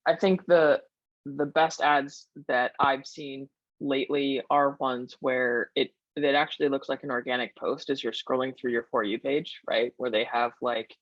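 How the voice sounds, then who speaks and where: A man interviewing in a casual webinar discussion over a video call, relaxed and peppered with filler words. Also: mid-range voice, no room sound, muffled recording.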